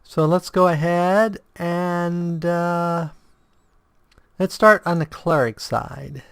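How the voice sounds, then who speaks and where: Hosting a casual video game walkthrough, a man with a sore throat and a strained voice explains choices haltingly and keeps correcting himself. His voice is high-pitched, steady, creaky, somewhat bright, and smooth. The studio sound is clean with no echo.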